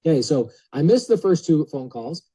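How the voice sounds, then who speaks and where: A man speaking on a group coaching call, telling an energetic motivational story and talking straight to his listeners. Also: on the high side, normal speed, breathy edge, poor audio. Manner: energetic, chatty, addresses listeners directly.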